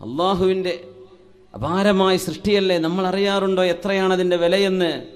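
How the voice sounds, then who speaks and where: A man's voice: sits high, fairly even intonation, moderate pace. A male preacher giving an Islamic sermon. He chants Arabic verses in a singing style and asks the listeners one rhetorical question after another.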